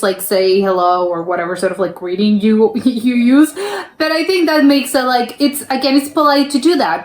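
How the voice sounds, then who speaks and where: American woman doing a reaction vid, kinda high voice, rambles and corrects herself, roomy echo. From United States. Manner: rambling, self-correcting, frequent fillers. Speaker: reaction video host. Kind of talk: casual reaction commentary.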